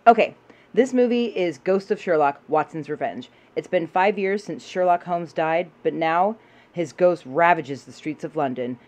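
A woman co-hosting a puppet comedy show in a deadpan manner. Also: fairly low pitch, moderate pace. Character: blue goblin puppet. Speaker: co-host.

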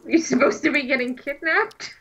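A woman's voice: high-pitched, normal speed, vocal fry, background noise. A woman co-hosting a game stream, reading instructions aloud and teasing with laughter. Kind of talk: casual game stream chat.

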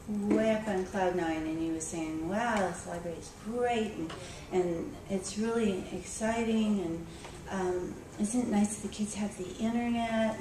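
A woman librarian giving a conversational conference talk, telling a story with frequent ums and restarts. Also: medium pitch. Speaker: school librarian speaking at a conference. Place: conference room. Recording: echoey hall, recorded from far off with background noise.

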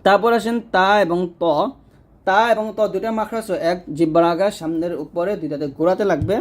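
A man teaches letter sounds in a patient, step-by-step lesson. His voice sits a little high for a man. He says each sound slowly and repeats it for the learner to copy. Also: steady tone. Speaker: Quran recitation teacher.

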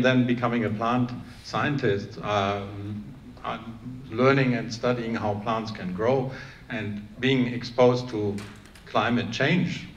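Middle-aged plant scientist guy on a panel, low-ish voice, lots of restarts, echoey room. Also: highs cut off. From Iran, raised in Germany. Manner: earnest, many restarts and fillers. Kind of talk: panel discussion answer. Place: conference room with audience. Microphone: handheld microphone. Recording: echoey room, faint room noise.

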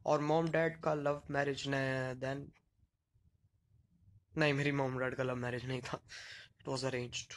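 A man's voice: medium pitch, flat delivery, measured pace, long pauses. A young man with a slight Punjabi accent, chatting casually and joking with viewers as he answers their comments on a live stream. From Delhi region, India. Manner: playful, joking banter.

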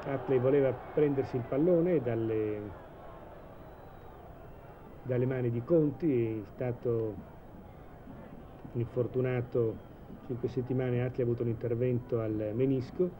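A man giving measured live football commentary in a 1980s TV broadcast style, hesitating now and then mid-sentence. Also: medium pitch, narrow, tinny audio. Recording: old TV broadcast, steady stadium noise.

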